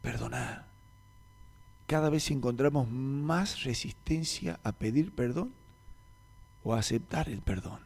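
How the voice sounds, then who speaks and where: A man with a Rioplatense Spanish accent, a pastor preaching a sermon and telling stories, who moves from quiet, low passages to loud, emphatic peaks. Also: animated, unhurried. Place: church meeting hall. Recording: reverberant church hall.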